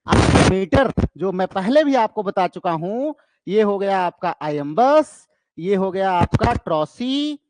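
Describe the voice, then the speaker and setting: A man teaching an exam-prep lecture who keeps asking questions and answering them himself, repeating key terms for emphasis. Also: sits high. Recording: noisy background.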